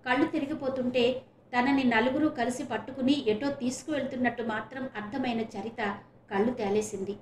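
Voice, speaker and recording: A woman's voice: a little high, fairly quick, roomy sound, a little hiss or hum. A woman from Visakhapatnam reading a serial novel aloud, telling it expressively as an audiobook narrator. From Visakhapatnam, India. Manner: expressive storytelling, voices the characters.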